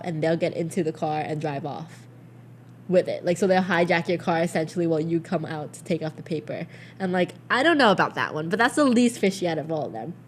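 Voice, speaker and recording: A young woman co-hosting a casual chat show, telling animated stories full of "like" and swearing. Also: on the low side, a little hiss or hum. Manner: animated storyteller, swears freely, lots of "like". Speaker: podcast co-host.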